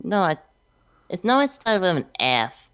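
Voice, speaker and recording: A woman chatting casually about an anime episode in a relaxed, easygoing way. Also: on the low side, unhurried, clear, resonant tone. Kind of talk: casual anime review chat.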